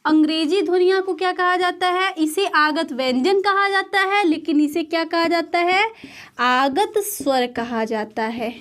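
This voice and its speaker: High-voiced woman teaching Hindi grammar. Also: measured pace, fairly bright tone. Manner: explains step by step, asks and answers her own questions.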